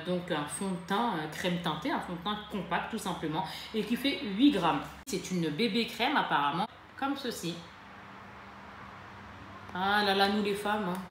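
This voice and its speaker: A woman chatting casually to camera in a beauty haul, lively and full of fillers and self-corrections. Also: fairly high pitch. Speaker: beauty vlogger. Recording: echoey room with faint ambient noise.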